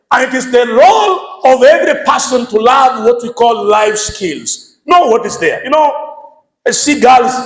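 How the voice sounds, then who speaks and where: Kenyan pastor guy, really high voice, lively sermon with shouty bits, echoey room. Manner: lively preaching, mixing English and Swahili, bursts of shouted emphasis.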